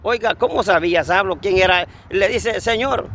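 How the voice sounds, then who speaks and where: A man's voice: high voice, moderate pace, sharp tone. A man preaching a fervent sermon outdoors, repeating blessings and calling listeners brothers.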